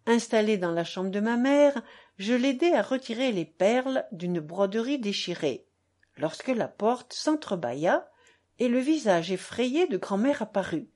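Brief: female audiobook narrator, high voice, slow and measured. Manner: measured, even storytelling. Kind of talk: audiobook reading.

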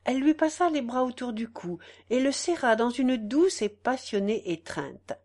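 A woman narrating a novel in a dramatic, measured audiobook reading, pausing between phrases. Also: a little high, lively intonation, darkish tone.

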